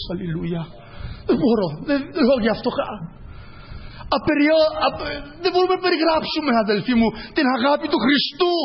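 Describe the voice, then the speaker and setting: A man preaching a sermon with fervent, repeating phrases and frequent hallelujahs, his voice hoarse. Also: very high-pitched, in a large hall, dull audio.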